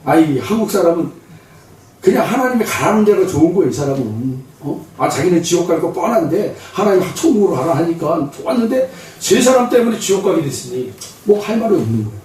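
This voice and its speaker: A male pastor delivers a sermon with a lively, swooping voice that rises and falls a lot. He tells his stories with energy and acts out the people in them. The sound rings through a big echoey church, heard from a little away from the mic. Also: high-pitched, fairly quick, far from the mic. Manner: animated, acts out quoted voices. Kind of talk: sermon with humorous storytelling. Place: church sanctuary.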